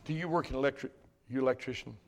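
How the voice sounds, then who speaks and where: An older man preaching a sermon, folksy and emphatic, swinging from loud bursts to hushed asides. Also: medium pitch, very fast, a little hiss or hum. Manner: folksy, repeats and restarts phrases. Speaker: pastor.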